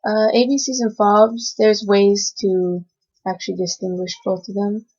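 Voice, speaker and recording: This student presenter, a young woman from the U.S. whose first language was Cantonese, reads a class presentation from notes with many hesitations. Her medium-pitched, slightly mellow voice stays level at a measured pace. The audio is dull and lo-fi.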